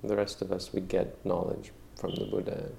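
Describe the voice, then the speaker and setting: A male meditation teacher answers questions in a calm, measured dharma-talk manner. His voice is low and gravelly, with a dark, mellow tone and very little rise and fall. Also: a little hiss or hum. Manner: calm, measured, frequent "you know".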